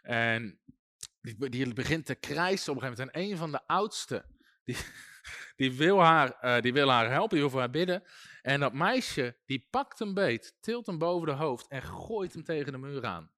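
A man teaching a sermon-style Bible school class, telling stories with lively voices for shouting demons and chuckling often. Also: mid-range voice, moderate pace, no room sound, studio quality.

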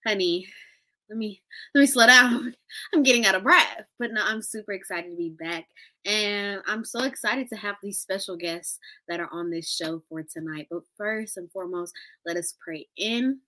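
A woman's voice: medium pitch, moderate pace. A woman hosting a live show in a casual, slangy, playful way, chatting with viewers and leading a short prayer. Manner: lively, slangy, playful and laughing. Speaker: host of a live interview show. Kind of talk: casual livestream chat with prayer.

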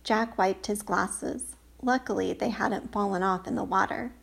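Slow gravelly woman reading a storybook. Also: mid-range voice, steady tone. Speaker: audiobook reader. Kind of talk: storybook narration.

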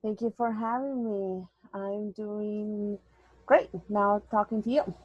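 A woman's voice: mid-range voice, steady tone, slow, dry recording, highs cut off. A woman, a guest telling her story earnestly in an interview, dropping in words. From El Salvador. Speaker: guest, educator. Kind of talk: interview conversation.

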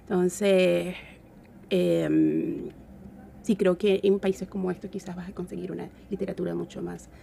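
A woman with a Venezuelan Caribbean Spanish accent, talking reflectively in an interview and often halting to search for words. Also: on the low side, little pitch movement, gravelly, mellow, a little hiss or hum. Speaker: interview guest. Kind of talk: reflective conversational interview talk.

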